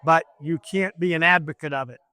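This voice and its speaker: A man campaigning for office speaks in an interview with an emphatic, lecturing drive, circling back to repeat his points. His voice sits a bit high, and the recording is dry and close. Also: fairly quick, bright, forceful tone, dry recording. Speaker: political candidate.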